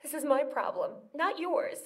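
An actress playing a frightened, pleading young patient in a video game, full of distress. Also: female voice, sits high, very animated, normal speed, a bit bright, distant mic.

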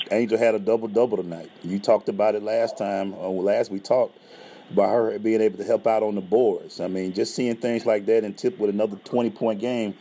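A man with a low, mellow voice puts post-game questions to a coach. He stumbles and restarts as he asks, and fills the gaps with short "right"s. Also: slight background noise. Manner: halting questions, frequent short "right" backchannels. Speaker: sports interviewer.

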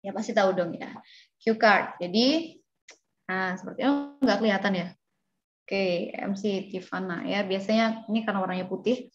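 A woman's voice: mid-range voice, normal speed, dull audio. A woman giving an online class on hosting events, talking casually with many fillers and questions to her students. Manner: conversational teaching with many fillers and rhetorical questions. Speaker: MC skills trainer. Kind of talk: online webinar lesson. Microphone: video call.

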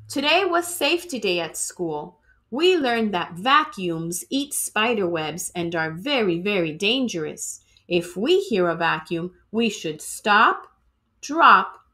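In a mid-range voice, a woman gives a dramatic, expressive reading of a children's storybook, much as a teacher would for students.

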